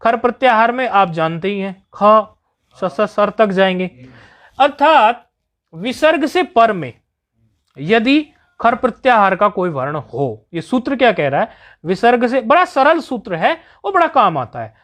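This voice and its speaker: A man's voice: high-pitched, big pitch swings, measured pace, fairly bright tone. A man teaching Sanskrit grammar in a patient lesson, repeating each point and checking that students follow.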